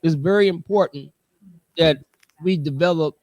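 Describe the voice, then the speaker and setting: A man's voice: on the high side, moderate pace, darkish tone, no room sound. A middle-aged man and military veteran, a podcast guest speaking casually and enthusiastically, often repeating phrases for emphasis. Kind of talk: casual chat.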